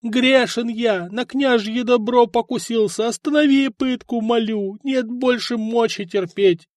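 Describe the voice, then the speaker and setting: A man's voice: very high voice, steady tone, unhurried, no echo, studio quality, pitched above the performer's own voice. A man voicing a terrified male clerk who wails and begs for mercy under torture, in a storybook reading. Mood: wailing. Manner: wailing, pleading loudly.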